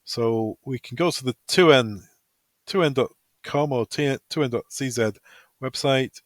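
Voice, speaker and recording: Speaking at a measured pace in a mid-range voice, this man presents a semi-improvised software tutorial, walking through each step in a casual, hands-on instructional manner. The recording is dry.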